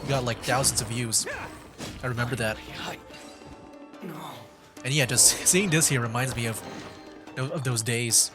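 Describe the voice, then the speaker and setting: A male game streamer thinks aloud as he plays, offering casual, rambling commentary over game music. His voice is mid-range, and he speaks at a measured pace with long pauses.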